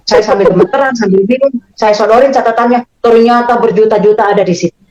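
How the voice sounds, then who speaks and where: Animated woman narrating her testimony; muffled low-fi recording, fast delivery. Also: reverberant. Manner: animated, acts out dialogue. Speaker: guest giving a faith testimony. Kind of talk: storytelling testimony. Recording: dull lo-fi recording.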